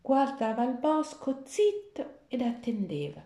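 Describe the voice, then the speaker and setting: A woman telling a fairy tale in rhymed verse, with an expressive, sing-song reading. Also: a little high, unhurried. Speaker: storyteller. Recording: echoey room.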